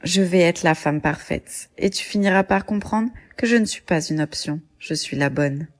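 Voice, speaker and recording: A woman voicing an obsessive young woman who calmly vows to keep a man for herself. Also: lowish voice, moderate pace, natural voice.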